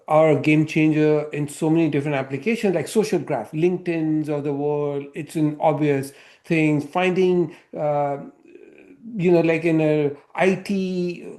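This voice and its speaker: A man's voice: on the high side, darkish tone. A man hosting an interview podcast, asking long questions and thinking aloud as he goes. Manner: thinks aloud with many fillers and restarts. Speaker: podcast host. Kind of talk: casual interview talk.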